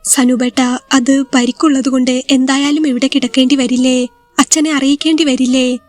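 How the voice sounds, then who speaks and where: Woman reading a scared young wife in a hospital bed, pleading, high voice, soft music behind. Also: level tone, normal speed, no room sound, natural voice. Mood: tearful. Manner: pleading, anxious. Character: young injured wife, tearful and frightened.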